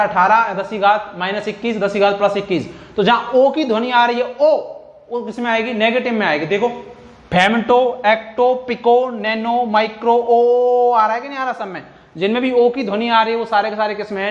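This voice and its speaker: A man's voice: sits high, roomy sound, dull audio. A man giving a chemistry lecture, teaching by repeating points and quizzing students with questions. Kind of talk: classroom lecture.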